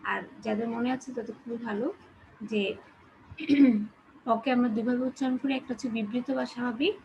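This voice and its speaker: A woman's voice: fairly high pitch, fairly even intonation, moderate pace, creaky, a little mellow. A woman teacher with a Bangladeshi Bengali accent giving an online class, explaining step by step and keeping her students answering questions. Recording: dull lo-fi call audio with background noise.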